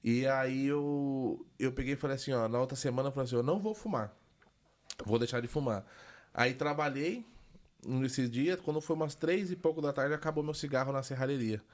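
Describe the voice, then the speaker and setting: A young adult man telling a personal story in a conversational way, animated and acting out the voices of the people in it. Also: mid-range voice, brisk. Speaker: guest giving a testimony.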